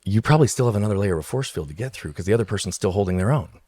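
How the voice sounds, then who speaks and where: Deep-voiced man, emphatic storyteller. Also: animated, rapid-fire, a little mellow, no room sound, studio quality. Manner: emphatic, tags points with "right?". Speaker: guest speaker. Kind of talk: podcast interview, personal storytelling.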